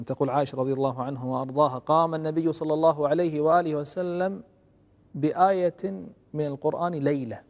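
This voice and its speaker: Guy lecturing on religion, rapid, earnest, soft then loud punchy stress, reverby hall. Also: mid-range voice. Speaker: Islamic lecturer.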